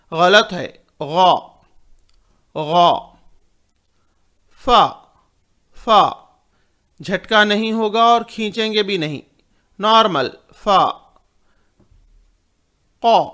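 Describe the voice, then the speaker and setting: A man with a high, bright voice leads a pronunciation lesson. He speaks at a slow, unhurried pace and says every syllable several times, carefully and plainly. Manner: repeats each syllable slowly and carefully. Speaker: Quran reading teacher.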